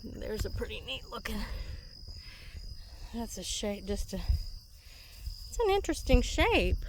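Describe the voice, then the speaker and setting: A woman's voice: medium pitch, a little hiss or hum. A woman hosting a casual vlog outdoors in a horse pasture, chatting and rambling while she digs, a little out of breath. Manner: chatty, rambling, easily amused. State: slightly out of breath from digging. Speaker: vlog host.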